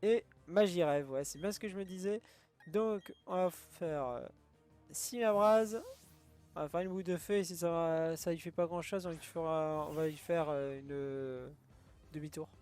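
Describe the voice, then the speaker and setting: A man's voice: fairly high pitch, normal speed, a little mellow, clean tone, soft background music. A man doing casual let's play commentary, thinking aloud, often laughing. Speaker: gaming youtuber.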